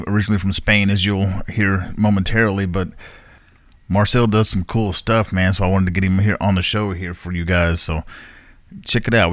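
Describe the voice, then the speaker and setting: A man's voice: on the low side, no echo, clean studio sound. A man from the United States, hosting a podcast and chatting in an easygoing way. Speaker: podcast host. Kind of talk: casual interview chat. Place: Dallas, Texas.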